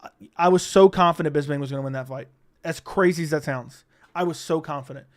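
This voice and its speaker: Smooth-voiced young man chatting on a livestream. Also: on the high side, quick pace. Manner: rambling, profane, answers chat questions. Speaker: livestream host. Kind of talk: casual livestream chat.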